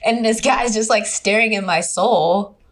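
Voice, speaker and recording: A woman's voice: medium pitch, measured pace. A young woman guest on a podcast, telling a dating story in casual chat and laughing often. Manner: giggly, animated storyteller. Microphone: remote recording.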